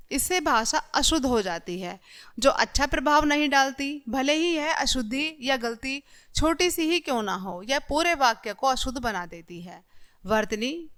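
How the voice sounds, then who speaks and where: Woman teacher, smooth clear voice kinda high, patiently explaining stuff to little kids, close mic. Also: a bit bright. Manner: patient explaining, addresses listeners as children. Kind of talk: classroom lesson for children.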